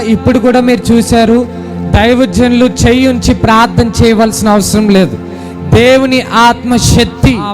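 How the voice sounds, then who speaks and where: Very high-voiced man leading worship over music. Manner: calls out over music, rising to chanted shouts. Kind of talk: prayer and worship exhortation.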